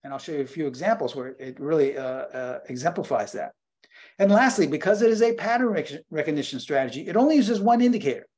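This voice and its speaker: A man's voice: on the high side, lively intonation, quick pace, a little mellow. A man in his sixties giving an online webinar presentation as a trading educator, talking conversationally and repeating phrases for emphasis. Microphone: computer microphone on a video call.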